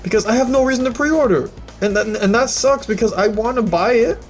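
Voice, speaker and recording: A young man ranting casually to camera about a game, excitable and profane, acting out his own past reactions with quick jumps in voice. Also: very high-pitched, soft background music. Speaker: gaming YouTuber.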